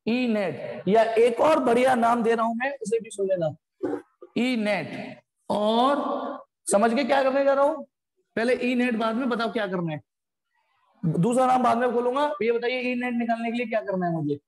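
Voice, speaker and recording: An extremely high male voice at normal speed leads an online physics class. He goes through the material one step at a time, pausing to scold students without softening it. The sound carries a long reverb from an echoey space.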